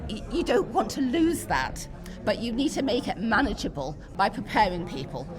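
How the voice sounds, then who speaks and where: Her voice sits on the high side with a sing-song quality and moderate pace as this British woman, middle-aged, talks emphatically on a podcast and repeats words for emphasis. She's the interview guest, a parent who loves pantomime, and people chatter around her at the venue.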